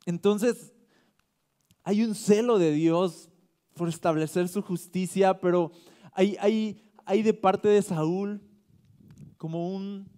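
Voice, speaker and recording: A man's voice: high-pitched, warm tone. A male pastor giving a casual, conversational sermon. He reads scripture aloud and keeps checking in with the listeners.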